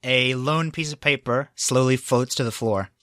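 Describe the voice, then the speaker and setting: A man's voice: mid-range voice, normal speed, a bit bright. A man running a tabletop game as game master, laughing often as he narrates.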